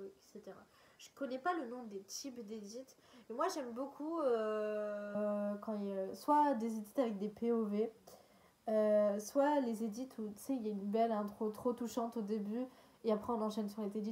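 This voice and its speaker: A woman's voice: medium pitch, mellow. A young woman chatting casually as she answers viewer questions, hesitant and full of fillers and small laughs. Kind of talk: casual chat.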